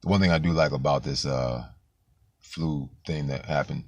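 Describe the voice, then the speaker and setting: Man with a very deep gravelly voice. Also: fairly even intonation, moderate pace, a little mellow. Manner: loose, street-slang talk with frequent fillers and swearing. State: voice deepened by flu. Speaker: vlogger. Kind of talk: casual motivational monologue.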